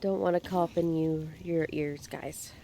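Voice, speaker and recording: A woman streaming a video game, hoarse and nasal from blocked sinuses, chatting to viewers and reading in-game notes aloud. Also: low-pitched, fairly even intonation, measured pace, mellow. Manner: chatty, self-deprecating asides to viewers.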